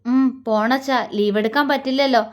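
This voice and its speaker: A young male doctor with a teasing, mocking edge, put on by a woman reading a romance story. He slips into cooing baby talk and then scornful jabs, all in a high voice. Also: steady tone, fairly quick, lightly acted. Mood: plain. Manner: playful baby talk turning to scornful taunts.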